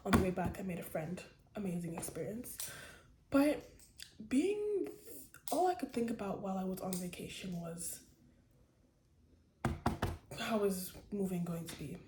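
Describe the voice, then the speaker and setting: A teenage girl vlogs casually to the camera, rambling through a personal story with many restarts. Her voice is medium-pitched, and the recording is reverberant with background noise.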